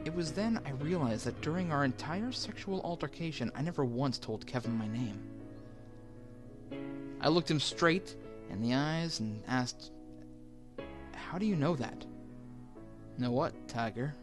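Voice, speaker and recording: A man reads a first-person horror story at an even, somber pace, his voice sitting mid-range for a man. Soft music plays low underneath. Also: normal speed. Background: faint background music.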